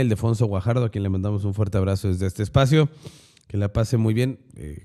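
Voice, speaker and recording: A man's voice: on the low side, darkish tone. Sarcastic Mexican man reading news. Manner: sarcastic, with crude slangy asides. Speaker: podcast news host. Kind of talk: opinionated news commentary.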